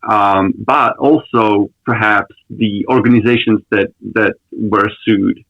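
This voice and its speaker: A man from the Republic, a lawyer answering interview questions in a thoughtful, measured way with frequent ums. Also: lowish voice, steady tone, no echo, muffled recording. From Czech Republic. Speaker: lawyer guest.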